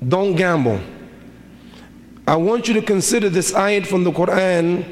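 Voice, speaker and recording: A man's voice: high-pitched, measured pace. A middle-aged man preaching a sermon as an imam, with a rhythmic delivery full of repeated rhetorical questions. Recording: reverberant hall, faint ambience.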